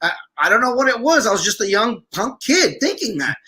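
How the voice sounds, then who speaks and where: Bright high-voiced man telling stories. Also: fairly quick. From Syria. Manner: animated, acts out quoted speech. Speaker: podcast guest, veteran filmmaker. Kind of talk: interview storytelling.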